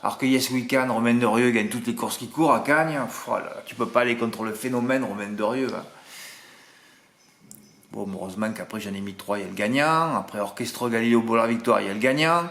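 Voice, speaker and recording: A man from southern France with a Marseille accent talks casually as a horse racing tipster, chatty and self-mocking, tacking little asides onto his sentences. His mid-range voice is fairly quick and a bit bright. It's a casual monologue recorded in an echoey room.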